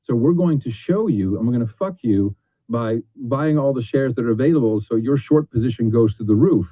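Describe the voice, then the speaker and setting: A man's voice: medium pitch, expressive, brisk, husky, dry recording. A blunt, profane man speaking in a clip whose sound is played through a computer speaker and picked up again by a microphone. He restarts his sentences often. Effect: video audio played through a computer speaker and picked up again by a mic. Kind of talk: candid spoken remarks. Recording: muffled re-recorded speaker playback.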